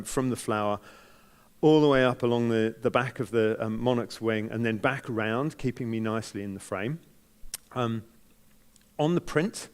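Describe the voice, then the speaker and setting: Male judge, broad Kiwi accent, mid-pitched voice, gentle and hesitant off-the-cuff critique. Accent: New Zealand. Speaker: photography competition judge. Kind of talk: spoken critique, unscripted feedback.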